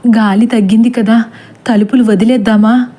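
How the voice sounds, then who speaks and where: A woman's voice: a little high, steady tone, moderate pace, warm tone, natural voice. Woman voicing a frightened tearful young woman. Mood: anxious. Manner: trembling, pleading.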